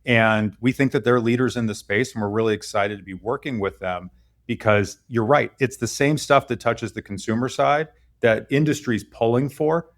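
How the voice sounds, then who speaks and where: A man's voice: medium pitch, normal speed. A man speaking as a guest head of product, explaining fluently and checking in with "right?". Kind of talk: interview explanation.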